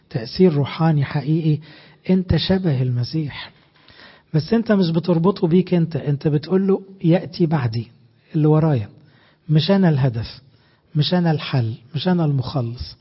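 A man preaching in an Egyptian Arabic accent, pressing his points hard and stopping to ask the congregation questions. His voice sits a little high and has a husky edge. The recording is dull and lo-fi. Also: fast talker. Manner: animated, emphatic preaching with rhetorical questions. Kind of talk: sermon.

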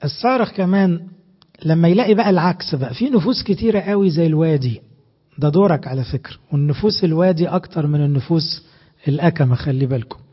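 A man with an Egyptian Arabic accent preaching a sermon, emphatic and animated, asking his listeners rhetorical questions. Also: a little high, quick pace, slightly rough, muffled recording.

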